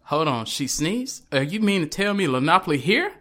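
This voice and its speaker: A man's voice: a little high, sing-song, moderate pace, bright, forceful tone. A man hosting a podcast, drunk and joking loosely, laughing often. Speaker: podcast host. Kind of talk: casual podcast chat.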